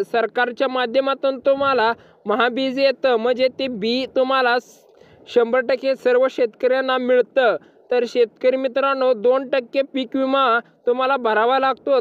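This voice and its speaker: A man's voice: extremely high pitch, bright, forceful tone, clear, resonant tone. A man with a Marathi accent explaining farm insurance news to farmers, repeating himself and calling his listeners farmer friends. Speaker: farm news channel host.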